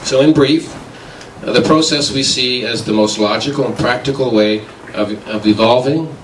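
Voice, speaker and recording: A man getting over the flu, giving a halting debate speech full of filler sounds, picked up by a distant mic in an echoey hall. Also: mid-range voice, a little hiss or hum. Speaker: debater for a republic.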